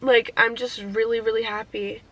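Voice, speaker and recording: A young woman talks straight to camera in a casual year-in-review vlog, bright and clear-toned, her voice sitting a little high. She is candid and chatty, swearing freely, and reflective enough to turn teary. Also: level tone, moderate pace, poor audio. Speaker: vlogger.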